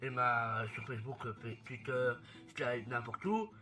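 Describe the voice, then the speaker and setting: A man's voice: medium pitch, animated, unhurried, bright, forceful tone, distant mic, faint music behind. A teenage boy from Belgium, talking eagerly to viewers in an old YouTube video. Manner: eager, chatty, addressing viewers.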